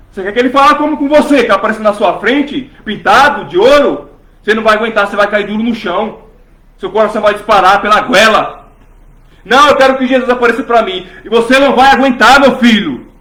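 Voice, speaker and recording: A man preaching with fervor, his voice sitting high for a man. He fires rhetorical questions at the congregation and slips into the voices of imagined churchgoers. The sound rings around an echoey church room. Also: lively intonation, a little fast, a bit bright. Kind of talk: sermon.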